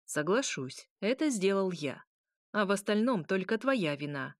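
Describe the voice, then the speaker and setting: A woman voicing an ancient, scheming male demon marquis with a mocking, lordly, drawn-out manner. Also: medium pitch, big pitch swings, no echo, clean studio sound, lightly acted. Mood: smug.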